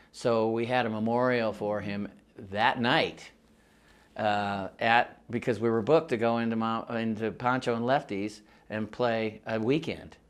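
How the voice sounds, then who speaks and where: A man's voice: on the low side, clean tone. A man in his sixties who grew up between the US and Mexico, telling stories from the past in a rambling, casual way with frequent laughs and restarts. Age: 60s. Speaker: musician interviewee. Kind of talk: casual oral-history storytelling.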